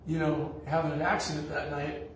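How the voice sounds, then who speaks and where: Blunt, folksy preacher in an echoey church. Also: male voice, a little high, completely flat delivery, brisk, slight background noise. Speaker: pastor. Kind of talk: sermon. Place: church sanctuary. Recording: echoey church hall from far off.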